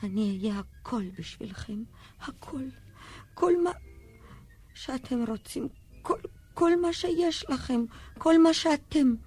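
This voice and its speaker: A woman's voice: high voice, lively intonation, long pauses, darkish tone, breathy edge, faint music behind. An actress playing a guilt-ridden, obsessive mother who stammers and turns feverish. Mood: eerie tender. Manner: stammering, then feverish and whispering. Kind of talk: stage drama acting.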